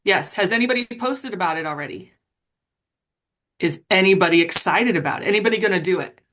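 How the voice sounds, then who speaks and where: A woman's voice: mid-range voice, lively intonation, fairly quick, fairly bright tone. Woman, team leader, casual motivational pep talk on a video call, rambling and self-deprecating.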